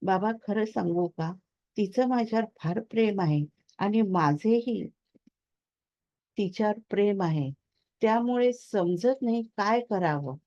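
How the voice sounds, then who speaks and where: A woman's voice: mid-range voice, animated, measured pace, mellow, no room sound, muffled recording. A woman reading the part of a troubled young husband who speaks in a subdued, hesitant way.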